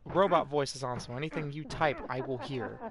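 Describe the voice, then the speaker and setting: A game streamer chatting live through a horror game, reacting and talking to viewers. The delivery is casual and loose, with frequent swearing, at an average pitch. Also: a little fast.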